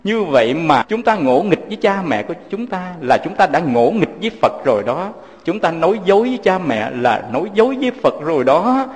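High-voiced Southern Vietnamese monk preaching. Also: male voice, very animated, brisk, big-room sound. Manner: fatherly, storytelling, addresses listeners as children. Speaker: Buddhist monk teacher. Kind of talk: sermon with personal stories.

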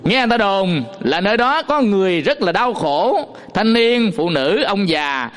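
A male Buddhist monk with a Southern Vietnamese accent gives a sermon in a noticeably high voice. He tells his parables in a lively, storytelling way and acts out the examples for the listeners. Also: moderate pace.

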